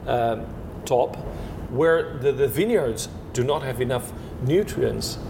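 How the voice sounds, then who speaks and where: Here a winemaking guest from Portugal speaks with vocal fry, giving halting, descriptive answers in an interview. Portuguese is his first language, and he frequently starts over while searching for words. The audio has a steady background noise and low rumble.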